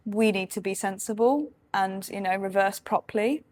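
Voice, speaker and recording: A woman's voice: mid-range voice, normal speed. Tired woman chatting to her camera, rambly, lots of ums and little laughs. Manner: rambling, self-reassuring, lots of fillers and soft laughs. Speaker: vlogger and fitness competitor in contest prep. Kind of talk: casual vlog talk to camera.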